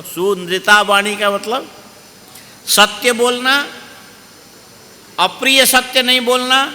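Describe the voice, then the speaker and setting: A man giving a Hindi religious discourse, teaching in a slow cadence, asking listeners questions and chanting Sanskrit verses. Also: high voice, pushed and bright, in a large hall. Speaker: Bhagavata katha preacher.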